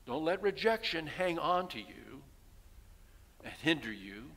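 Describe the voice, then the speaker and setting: Gravelly yet fairly bright, his voice sits on the high side, very animated and a little slow. This sixty-something pastor preaches from the pulpit of a large sanctuary with stories, rhetorical questions, and impressions of townspeople. A headset mic records him against the hall's long reverb.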